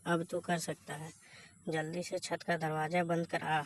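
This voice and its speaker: A man's voice: fairly high pitch, completely flat delivery, unhurried, no echo. A man voicing a bold, teasing young married woman in a read-aloud story, with a bossy manner.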